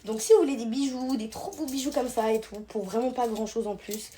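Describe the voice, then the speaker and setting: A young woman from Réunion, chatty and excitable, talking casually to her viewers in a vlog. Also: on the high side, a little fast, slight background noise. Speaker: vlogger. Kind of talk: casual vlog chat to camera.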